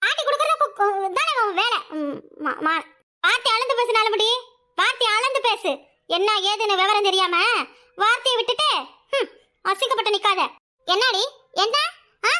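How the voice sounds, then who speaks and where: A woman voicing a sharp-tongued, quarrelsome village housewife in a cartoon, with a Kanyakumari Tamil accent and a rapid, scolding manner. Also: very high-pitched, lively intonation, exaggerated voice. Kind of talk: cartoon voice acting.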